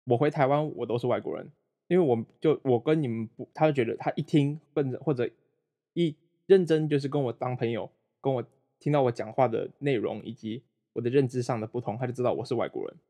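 Fast-talking young man from Malaysia. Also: mid-range voice, mellow. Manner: rambling, restarts often, self-deprecating. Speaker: guest, former roommate. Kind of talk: casual remote chat. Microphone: remote call.

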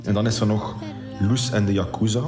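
A man with a very low, flat voice reads his music picks slowly and evenly. A music bed plays clearly under his words, and he pauses now and then. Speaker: music ambassador for Belgium. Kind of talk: scripted music recommendation.

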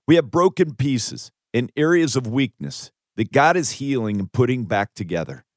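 Recorded on a close studio mic with no room sound and studio quality, a medium-pitched American man in his fifties reads his own audiobook. A pastor and author, he narrates with emphatic, earnest, preacher-like conviction.

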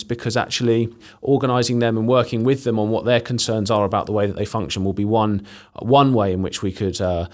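A man, a guest on a podcast, explaining his views with many hesitations and restarts. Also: fairly low pitch. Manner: hesitant, many fillers and restarts, trails off softer. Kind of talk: conversational explanation.

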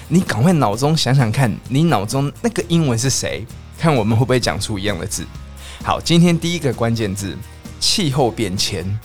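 Lively male English teacher, Taiwanese Mandarin. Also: medium pitch. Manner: lively, drills pronunciation slowly and repeats words. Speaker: English teacher and podcast host. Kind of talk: bilingual English lesson podcast.

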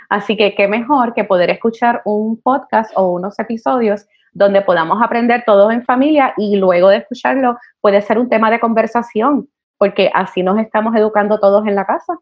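Passionate woman guest. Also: fairly high pitch. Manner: passionate, animated, frequent fillers. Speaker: guest, college admissions counselor. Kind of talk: conversational podcast interview. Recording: slightly dull podcast audio.

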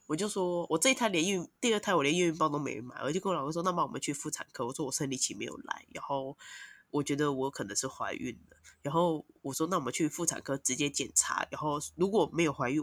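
A woman, a mother of two, telling long, animated stories as a podcast guest. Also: sits low, quick pace, no echo. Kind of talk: casual podcast chat.

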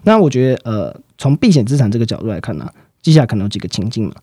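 A man explaining market outlooks in a fast, explanatory way, with frequent fillers and sentence-final particles. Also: medium pitch, very animated, warm tone, husky, no room sound, studio quality. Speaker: market analyst guest. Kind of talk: financial commentary chat.

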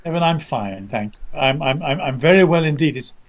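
A man with an English accent giving conversational news commentary over an internet call, measured and articulate, often repeating words as he searches for the next. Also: on the high side, lively intonation, lo-fi sound. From Britain. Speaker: commentator, co-presenter. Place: indoors under a roof, remote audio call.

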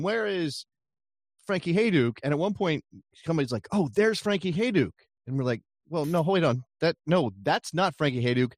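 A man hosting a casual sports chat, telling things in an animated way with rhetorical questions and asides. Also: on the high side, dry recording, clean studio sound. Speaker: podcast host.

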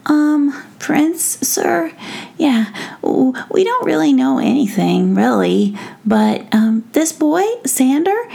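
A woman's voice: high-pitched, animated, slow pace, gravelly, warm tone, pitched above the performer's own voice, full character voice. A woman voicing a shy, helpful young gnome boy in a bedtime story, speaking hesitantly. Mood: bashful. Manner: hesitant, bashful speech.

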